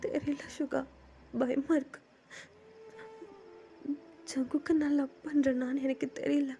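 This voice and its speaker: A woman's voice: sits high, flat delivery, mellow, dull audio. A woman voicing a lovesick young man who cries and stammers as he speaks. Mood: tearful. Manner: halting, stammering, crying.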